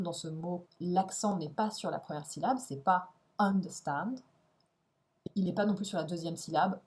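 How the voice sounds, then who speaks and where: A woman teaches an instructional video lesson, explaining step by step. She speaks clearly, leans on the key words and keeps an encouraging tone. Her voice sits at an ordinary middle pitch. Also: mellow. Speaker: English teacher.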